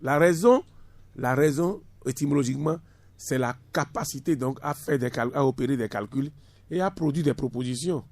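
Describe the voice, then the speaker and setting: A man in his fifties with a mid-range, darkish voice speaks at a normal pace as a university lecturer on a radio discussion. His delivery is emphatic, and he tends to repeat words to stress them.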